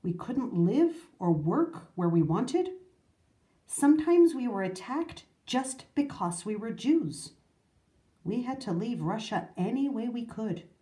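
Woman doing a slow, solemn old grandma in a storybook, roomy echo. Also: a little high, animated, mellow. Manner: solemn, measured telling. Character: earnest old grandmother recalling hard times.

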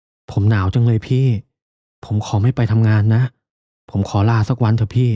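A man's voice: lowish voice, fairly even intonation, moderate pace, mellow, no echo, lightly acted. A man voicing a frightened young laborer. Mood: feeble.

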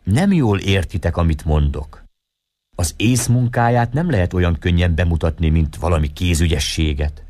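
A man's voice: low voice, animated, a little mellow, no echo, studio quality. A man voicing a proud European man who lectures earnestly about his intellect, in an audiobook reading. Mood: insistent.

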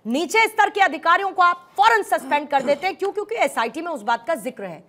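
A woman's voice: very high voice, expressive, quick pace, a bit bright. A woman anchoring a heated televised debate, pressing guests and repeating her questions over them.

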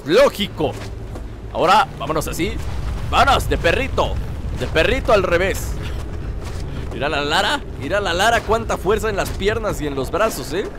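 A man doing joking, chatty let's-play commentary with sudden excited yelps. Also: high-pitched, moderate pace, noisy background. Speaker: gameplay commentator.

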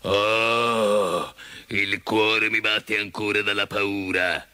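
A man's voice: on the low side, fairly even intonation, measured pace, sharp tone, dry recording, full character voice. A man voicing a big, timid, self-pitying lion in a storybook reading, plaintive and sighing. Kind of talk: storybook character voice.

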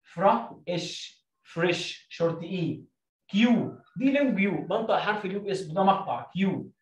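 A man with an Egyptian Arabic accent, teaching a lesson. He says example sentences slowly, explains in quick bursts, and sounds words out syllable by syllable. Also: sits high, lively intonation. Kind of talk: classroom-style explanation. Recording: echoey room.

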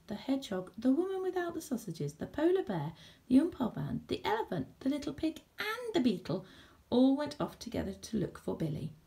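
Expressive female storybook reader, animated, a little gravelly. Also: mid-range voice. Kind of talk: children's story read-aloud.

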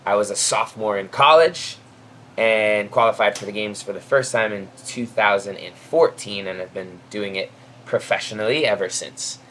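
A man's voice: lowish voice, normal speed, fairly bright tone, slight background noise. Man, 30s, host, casual chat, upbeat, friendly, outdoor patio, distant camera mic. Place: outdoor covered patio in a backyard.

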